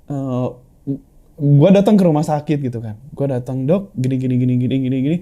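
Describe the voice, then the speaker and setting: Young guy telling his story, lots of restarts, super dark mellow voice. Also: mid-range voice, a little fast, muffled recording. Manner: earnest storyteller, many restarts and quoted speech. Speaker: guest sharing a personal story. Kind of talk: casual heartfelt chat.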